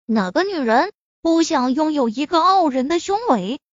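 A woman's voice: sits high, lively intonation, normal speed, dry recording. Woman playing a frank young businesswoman. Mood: earnest. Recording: slightly muffled lo-fi.

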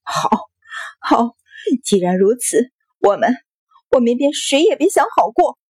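A jealous noble wife in shrill, tearful outbursts, as a woman reader puts her on. The voice is husky and dry, in an audiobook story. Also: big pitch swings, a little slow, darkish tone, no room sound, exaggerated voice. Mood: furious. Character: jealous furious noble wife, middle-aged.

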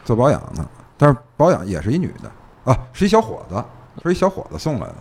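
A man's voice: medium pitch, huge pitch swings, fast, gravelly, a little mellow, breathy edge. A man with a Beijing accent telling stories casually, repeating phrases and tossing in rhetorical questions. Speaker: police officer guest telling case stories. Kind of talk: casual anecdotal storytelling.

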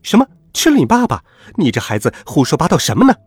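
A man voicing a quick-tongued, quarrelsome woman trader who scolds fast and shrill. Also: wildly swooping pitch, breathy edge, no echo, soft background music, full character voice. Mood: puzzled.

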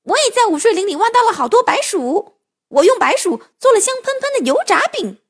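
Happy hospitable storybook wolf, high-pitched and sunny, as a woman puts him on. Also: sing-song, fairly quick. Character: cheerful male wolf who cooks.

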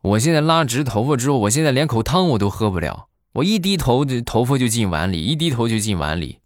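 一位男士扮演的年轻妻子，嘴快又不服气，连珠炮似地数落丈夫。声音比他平时高出不少，语调起伏很大。. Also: male voice, medium pitch, sing-song, quick pace, dry recording, clean studio sound, voice pushed up, natural voice. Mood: indignant. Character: sharp-tongued young wife, quick to scold.

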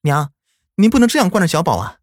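A man's voice: high-pitched, sing-song, quick pace, dry recording, studio quality, pitched above the performer's own voice. A man voicing an anxious village mother who sharply scolds her son. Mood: pleading.

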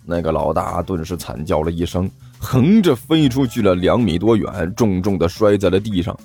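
Lively male audiobook storyteller. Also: low voice, moderate pace, vocal fry, husky. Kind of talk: audiobook narration. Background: faint music.

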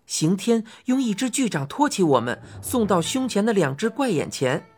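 A woman narrating a children's fantasy story as an audiobook, expressive and rising to cries in excited passages. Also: mid-range voice, normal speed, slightly rough, faint music behind.

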